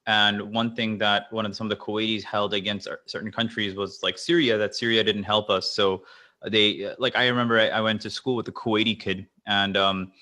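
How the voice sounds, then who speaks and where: Man with a bright, lowish voice. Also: flat delivery, a little fast. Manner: many false starts, uses "like" often. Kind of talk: casual explanatory discussion.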